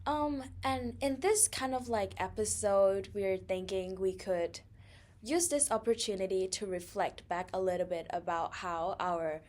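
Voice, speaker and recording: A woman's voice: mid-range voice, unhurried, a little mellow. A young woman from Thailand co-hosting a casual podcast, chatty and laughing often, with many fillers. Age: young adult. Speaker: podcast co-host.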